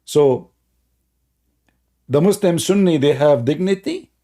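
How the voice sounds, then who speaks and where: Speaking slowly and expressively, this mellow, slightly high-voiced host mocks his subject as he narrates a story for his viewers. It's casual commentary, full of repeated phrases for emphasis.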